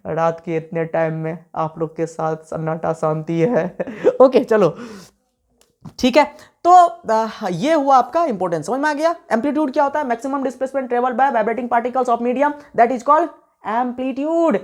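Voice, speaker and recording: A man teaching a physics class online from home at night, animated and playful, teasing his students and swinging between soft and loud speech. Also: high-pitched.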